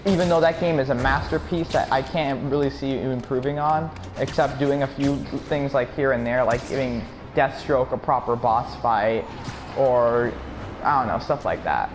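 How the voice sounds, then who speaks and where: Excitable man rambling over gameplay. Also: medium pitch, background noise. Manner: excitable and rambling, with restarts and laughs. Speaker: gaming YouTuber. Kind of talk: gameplay commentary.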